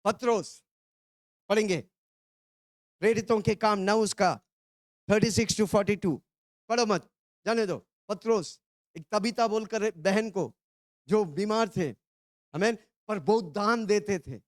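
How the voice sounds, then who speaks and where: A high-pitched man from India preaching, leading his listeners in call and response. He keeps urging them to shout phrases back and breaks into hallelujahs. The sound is close and dry. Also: unhurried, long pauses, no echo. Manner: urges the congregation to repeat phrases, shouting hallelujahs.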